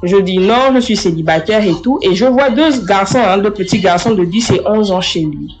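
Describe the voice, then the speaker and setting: A young woman giving a first-person spoken testimony, telling her story in a lively way and speaking straight to the listener. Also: medium pitch, normal speed, poor audio.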